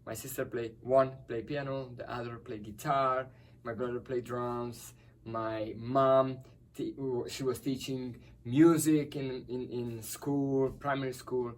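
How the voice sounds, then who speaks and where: Middle-aged male guest, upbeat and animated, medium voice, recorded at a distance from the mic. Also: medium pitch, takes it slowly. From Hungary. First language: Hungarian. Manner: cheerful, laughs often, animated storytelling. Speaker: guest musician. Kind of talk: conversational interview.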